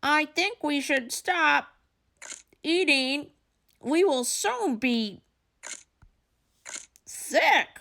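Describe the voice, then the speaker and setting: Storybook frog, male, friendly and firm played by a woman; high, animated, slow and emphatic. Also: creaky, exaggerated voice. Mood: pleased, concerned.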